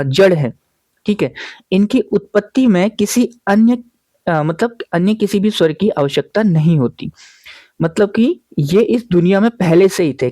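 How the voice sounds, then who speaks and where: Patient, mellow-voiced male teacher. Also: high-pitched, no echo. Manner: explains patiently, asks and answers his own questions; keeps checking in with the listener. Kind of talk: classroom grammar lesson.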